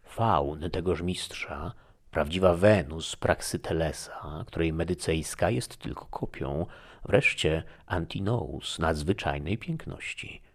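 A man narrating a classic novel in a measured, formal reading style. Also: low voice. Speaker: audiobook narrator. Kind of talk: scripted narration.

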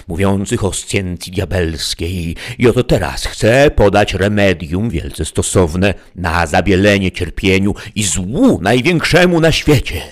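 A solemn, ancient wizard spirit , as a male storyteller puts him on, declaims in a raised, swooping voice. He talks slowly and ornately, like a proclamation in a storybook reading. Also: low voice, pitched above the performer's own voice.

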